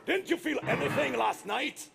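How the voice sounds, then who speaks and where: A man voicing a huge, blustering, boastful male giant ogre who shouts and stammers when flustered. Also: very high voice, animated, normal speed, vocal fry, very noisy, voice pushed up, heavily acted. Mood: demanding. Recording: live stage with music.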